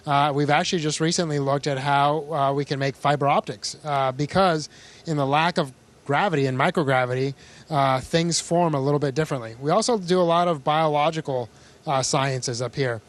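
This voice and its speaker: A man's voice: fairly high pitch, normal speed. A man speaking as an astronaut, answering questions informally and explaining things in plain words. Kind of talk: answering questions in a live link-up.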